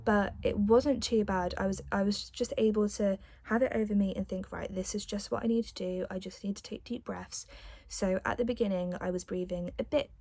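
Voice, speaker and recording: A woman's voice: medium pitch, fairly even intonation, normal speed, warm tone, dry recording. A young adult woman telling a personal story in a casual, chatty vlog style, with the odd light giggle. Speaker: vlogger.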